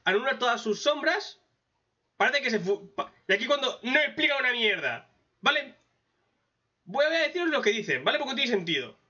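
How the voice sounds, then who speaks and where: Hombre con acento de España, comenta y despotrica con tacos, voz aguda y brillante. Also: male voice, very high-pitched, sing-song, brisk, sharp tone, far from the mic, highs cut off. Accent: Spain Spanish. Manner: sweary, ranting, sarcastic. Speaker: reaction video host. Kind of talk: casual profane commentary.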